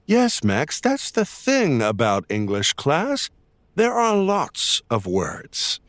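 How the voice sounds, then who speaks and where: A man's voice: fairly high pitch, huge pitch swings, a bit bright, no echo, exaggerated voice. A man voicing an eccentric English teacher who lectures with a dramatic classroom flair. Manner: slow, dramatic classroom delivery.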